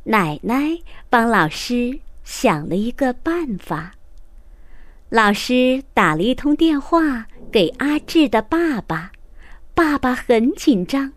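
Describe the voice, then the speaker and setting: High-voiced woman reading a children's story. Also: no room sound. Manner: slow, clear, expressive read-aloud.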